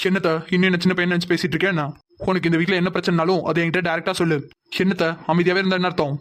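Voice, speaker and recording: A woman's voice: on the low side, level tone, rapid-fire, natural voice. A woman voicing a caring young man in a cartoon, pressing his aunt with insistent, pleading questions. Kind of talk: animated cartoon dialogue.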